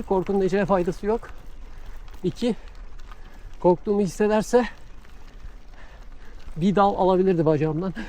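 A man's voice: sits high, warm tone. A man on a bicycle, chatting to viewers about the road as he climbs, a bit out of breath. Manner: chatty, talks to viewers and to a dog while riding. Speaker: cyclist vlogger. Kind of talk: casual narration while cycling. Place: outdoors on a country road.

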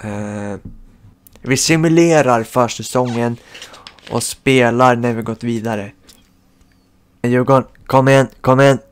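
A man giving live commentary over his football video game, cheering his team and groaning at misses. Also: mid-range voice. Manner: excitable, shouts at goals, groans at misses. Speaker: gaming channel host.

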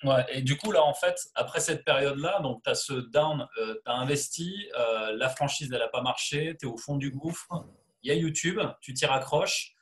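A man's voice: medium pitch, normal speed, a bit bright. A man hosting an interview, asking probing questions and repeating them to draw out answers. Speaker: interviewer and channel host.

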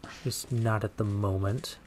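A man's voice: fairly low pitch, steady tone, moderate pace, noisy background. A man giving casual let's play commentary on a video game, thinking aloud with muttered asides as he goes. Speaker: gaming let's play host.

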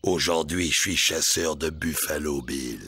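An actor playing a gruff, sardonic, condescending bison hunter of the West in a French animated cartoon. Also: male voice, rumbling low, unhurried. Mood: menacing, sardonic. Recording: music behind the voice.

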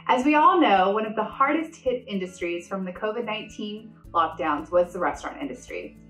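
A middle-aged woman, a company executive, reading a scripted explainer to camera in a clear, measured way, stepping through points as a numbered list. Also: medium pitch, expressive, fairly bright tone. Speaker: company executive presenting a business update. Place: indoor office with a wood counter. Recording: roomy, a little distant from the mic, faint music under it.

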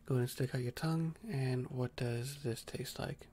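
A man in a whispered role-play as a doctor giving a calm nerve exam, speaking softly and slowly with hesitant fillers. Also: mid-range voice. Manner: soft-spoken, slow and gentle, with frequent hesitant fillers.

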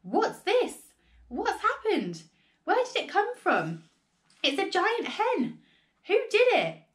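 A woman voicing a small, excitable father on a farm in a children's storybook, exclaiming loudly and easily worked up. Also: sits high, normal speed, lightly acted. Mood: alarmed, astonished. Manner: exclaiming, shouting, breathlessly excited.

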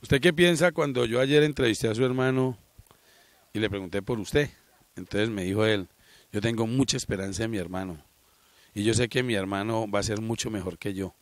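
A man's voice: lowish voice, fairly quick, dry recording. A middle-aged man, a local TV reporter interviewing outdoors with a handheld mic, earnest and moralizing. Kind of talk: TV interview and commentary. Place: outdoors by a sports ground.

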